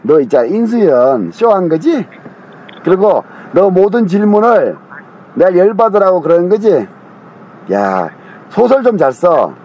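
A man's voice: sits high, big pitch swings, measured pace, darkish tone, slight background noise. A middle-aged man in a heated phone call with his younger brother, rambling, accusing and scolding him.

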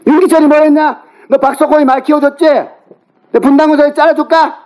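A man in a heated phone argument, shouting and hurling insults at the other party. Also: very high-pitched, level tone, a little fast, poor audio.

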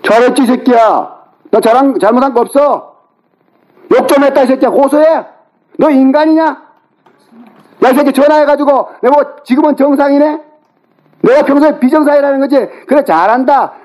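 A man with a very high, strained-sounding voice tears into someone during a phone argument. He shouts, berates and throws insults without letting up, his tone harsh and relentless. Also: brisk, rough recording.

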